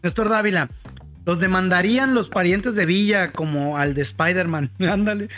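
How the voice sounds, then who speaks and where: A man's voice: high-pitched, normal speed, fairly bright tone, dull audio, soft background music. A young Mexican man hosting a casual chat, joking crudely and reading viewer comments aloud. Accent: Mexican Spanish. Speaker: podcast host.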